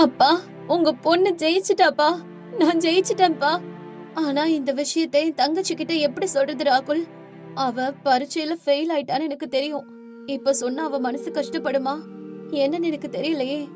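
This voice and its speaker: Brief: a woman playing a determined village woman, high voice, earnest and firm, music underneath. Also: steady tone, moderate pace, lightly acted. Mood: joyful. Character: humble hardworking village woman, elder sister.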